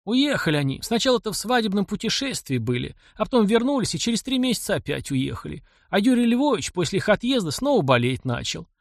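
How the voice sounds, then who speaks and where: Old servant, tearful and plaintive, folksy speech, lively high voice, read by a man. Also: fairly quick, no room sound, studio quality. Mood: tearful lament.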